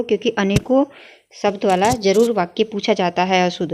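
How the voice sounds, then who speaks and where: A woman teacher at a mid pitch, taking students through a grammar lesson. She calls her listeners children, reads each faulty sentence aloud and repeats it before giving the correct form in a patient, explaining manner. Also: a little mellow, lo-fi sound. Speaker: Hindi teacher.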